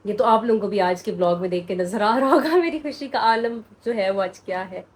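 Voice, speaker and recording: A woman's voice: mid-range voice, a little fast, rough recording. A young woman with a Pakistani accent vlogging casually from her family home, chatty and cooing fondly at small children. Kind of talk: casual home vlog chat.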